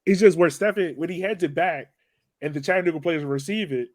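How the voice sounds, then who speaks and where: A man with a slightly high voice talks a little fast on a dry recording. He hosts a casual sports podcast, moderating a soccer discussion and analyzing a game conversationally.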